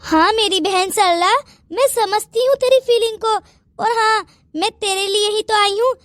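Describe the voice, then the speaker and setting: A squeaky cartoon voice as a bossy older aunt. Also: measured pace, a bit bright, no room sound, studio quality. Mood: reassuring. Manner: scolding, bossy. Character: older sister-aunt, nosy and quick to anger. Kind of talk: Hindi cartoon voice acting.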